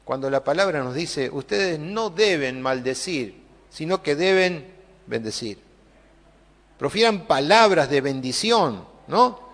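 Male preacher, high voice, chatty sermon style, halting restarts. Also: expressive, a bit bright. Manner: conversational, many filler tags and restarts. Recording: long hall reverb.

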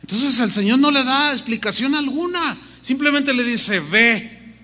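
A man preaching, bright and high in pitch. He acts out small dialogues with lively voices. His voice rings with a long hall reverb. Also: unhurried. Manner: animated, acts out voices of God and believers. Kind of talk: sermon.

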